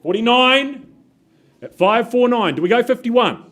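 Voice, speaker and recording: A New man working as an auctioneer, calling bids in brisk, upbeat patter, his voice a little muffled by a face mask. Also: very high-pitched, animated, fairly bright tone. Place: auction room.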